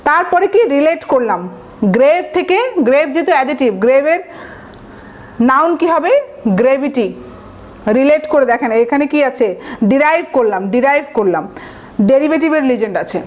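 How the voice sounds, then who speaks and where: A woman teaching vocabulary in an exam-prep lecture. She explains step by step, spells words out letter by letter and asks her class rhetorical questions. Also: sits high.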